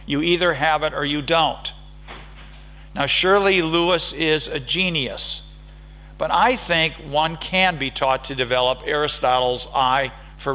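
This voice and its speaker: Bright-voiced American man lecturing. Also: fairly high pitch, rough recording. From United States. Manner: engaging, polls the audience with questions. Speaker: conference speaker. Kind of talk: academic lecture. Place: lecture hall.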